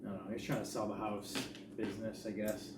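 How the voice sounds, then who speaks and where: A man's voice: lowish voice, flat delivery, fairly quick, recorded from a distance. A man co-hosting a podcast, skeptical and laid-back, chatting casually about a horror movie. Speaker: podcast co-host. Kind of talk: casual movie review chat. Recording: echoey room with noise.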